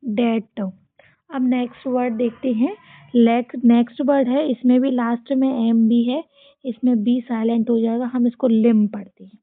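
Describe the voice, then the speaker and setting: Woman, Indian accent, children's teacher, call-and-response drilling, slightly high voice, tinny dry recording. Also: fairly even intonation, dry recording. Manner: slow, drilling repetition with call-and-response questions. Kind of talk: children's phonics lesson. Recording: tinny, phone-like dry sound.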